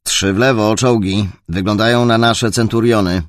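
A man's voice: on the low side, fairly even intonation, normal speed, dry recording, studio quality, lightly acted. A man reading a cool-headed young fighter pilot reporting tersely over the radio in an audiobook.

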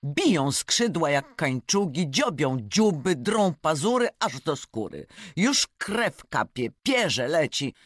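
Give me an expressive reader reciting rhyming fables, slow, in a dry close recording. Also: mid-range voice, dry recording. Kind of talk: reading verse fables aloud.

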